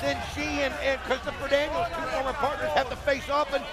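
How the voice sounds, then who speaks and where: A man's voice: very high voice, level tone, fairly quick. A man working as a wrestling color commentator, giving opinionated analysis in live sports commentary. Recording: loud arena crowd and music behind.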